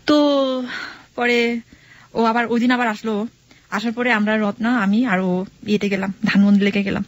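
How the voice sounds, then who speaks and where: A woman's voice: medium pitch, little pitch movement, normal speed, muffled recording. A young woman calling in to tell her life story in casual chat, repeating phrases and acting out dialogue.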